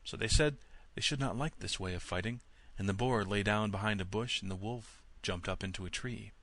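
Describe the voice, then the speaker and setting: An audiobook narrator with a fairly low-pitched voice reads a scripted fairy tale, his delivery expressive and measured.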